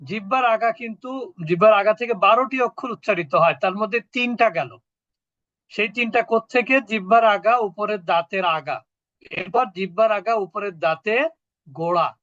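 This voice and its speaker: A man teaching a lesson on pronouncing Arabic letters, repeating syllables slowly in drills. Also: high voice, fairly bright tone, dry recording, muffled recording.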